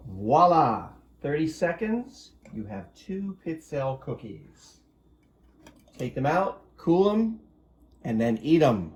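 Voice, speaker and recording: A man's voice: on the high side, big pitch swings, slow, a little mellow, distant mic. A man hosting a casual cooking show, chatting and explaining each step while he works in a home kitchen. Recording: roomy echo, mic set back.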